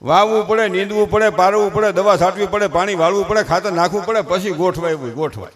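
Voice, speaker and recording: Here an older man speaks fast in a high voice, his Kathiyawadi Gujarati accent coming through. Before a live crowd, this folk comedian alternates between humorous tales and sermonizing advice, all in a rustic dialect.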